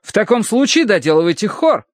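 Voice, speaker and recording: A man's voice: sits high, sing-song, fairly quick, dry recording, clean studio sound, voice pushed up. A man reading an audiobook voices a fussy young vicar who scolds in a fretful, indignant tone. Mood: scolding.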